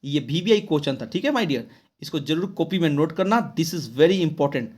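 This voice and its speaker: A male English teacher from Bihar, with an Indian English accent, teaching an exam-prep lesson. He reads English answers out slowly and then explains them in quick, colloquial Hindi. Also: fairly high pitch, expressive, a little mellow, husky.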